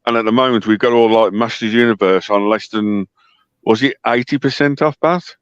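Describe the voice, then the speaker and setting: A man chatting casually on a live stream, teasing and animated. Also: mid-range voice, normal speed, clean tone, no echo, muffled recording.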